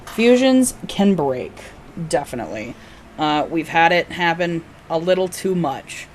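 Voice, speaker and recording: A woman's voice: fairly low pitch, animated, measured pace, a crowd in the background. A woman co-hosting a podcast in casual chat, blunt and swearing freely. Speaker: podcast co-host.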